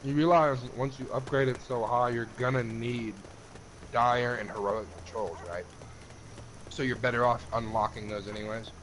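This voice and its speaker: Mid-pitched man bantering over a game. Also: fairly even intonation, normal speed, a bit bright, a little hiss or hum, low-quality recording. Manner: blunt, joking, swears freely. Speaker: co-player. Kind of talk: casual gameplay chat.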